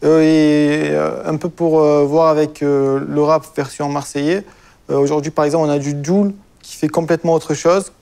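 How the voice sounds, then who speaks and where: A man in his twenties from France, talking haltingly with many fillers in a casual group discussion. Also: on the high side, fairly even intonation, vocal fry, warm tone, clean tone. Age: 20s. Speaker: discussion participant.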